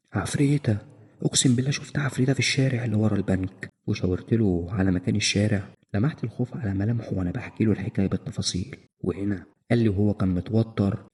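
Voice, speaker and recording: A man with an Egyptian accent tells a horror story in the first person, fast and tense. His voice is low and husky, and a long reverb trails behind each phrase. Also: a little mellow. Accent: Egyptian Arabic. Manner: tense, suspenseful telling.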